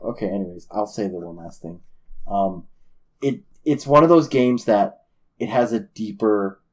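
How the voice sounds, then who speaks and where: A man co-hosting a casual podcast, talking in a lively way that often breaks off mid-thought, with casual swearing. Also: lowish voice. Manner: animated, self-interrupting, swearing. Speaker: podcast co-host.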